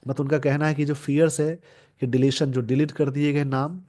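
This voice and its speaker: His voice a little high, mellow, and level in tone, a male English teacher guides exam students through a newspaper editorial. He reads each sentence slowly before explaining it word by word and telling viewers what to note down and remember.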